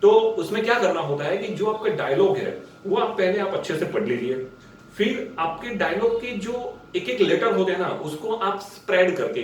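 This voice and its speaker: A man with a somewhat raised pitch teaching acting in a relaxed, conversational way. He explains step by step and sometimes drags out syllables to demonstrate. He is recorded from a distance in a very echoey room with faint background noise. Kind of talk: casual instructional talk.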